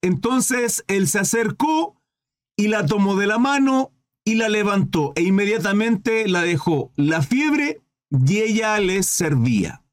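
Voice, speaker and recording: Expressive high-voiced male preacher. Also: slow pace. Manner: reads scripture aloud then comments, asks rhetorical questions, jokes with viewers. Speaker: preacher leading a Bible study. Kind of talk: livestreamed Bible study sermon. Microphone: livestream microphone.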